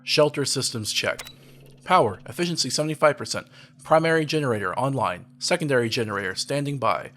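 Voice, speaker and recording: A man voicing a shelter computer terminal as it boots up, reading status lines in a flat, machine-like way. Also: medium pitch, a little fast, lightly acted. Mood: flat, clipped. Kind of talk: video game terminal voice.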